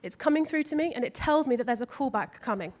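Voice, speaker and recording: A woman with a high voice presents a live software demo. She talks briskly through each feature. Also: animated, a little hiss or hum. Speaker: app presenter.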